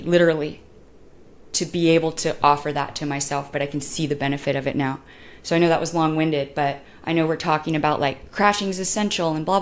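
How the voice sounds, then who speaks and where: A young woman co-hosting a podcast, telling personal stories in a candid, animated way and acting out voices as she goes. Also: sits low. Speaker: podcast co-host and motorcycle racer. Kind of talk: casual podcast conversation.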